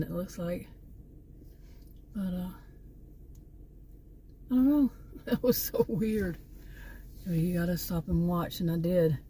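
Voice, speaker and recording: This middle-aged American woman from Texas, a vlogger, chats digressively outside near a park, often drifting off before returning to what she meant. She speaks in a lowish, warm voice over a faint hiss or hum.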